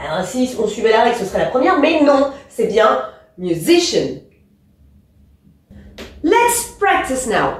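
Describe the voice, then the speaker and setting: A woman's voice: fairly high pitch, darkish tone, far from the mic. A woman teaching an English lesson, explaining rules to a pupil and stressing the example words, speaking directly to the listener. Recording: echoey room, a bit off-mic.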